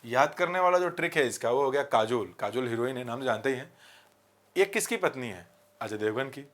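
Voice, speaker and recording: Man, vocabulary teacher, middle pitch, rhetorical questions, repeats words slowly. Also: animated, a bit bright. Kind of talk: vocabulary lesson with mnemonics.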